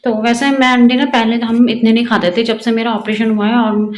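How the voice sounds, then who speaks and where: In her home kitchen, a young woman from Garhwal, Uttarakhand, talks briskly through a casual vlog, rambling and using many fillers. Her voice sits on the high side with a flat delivery.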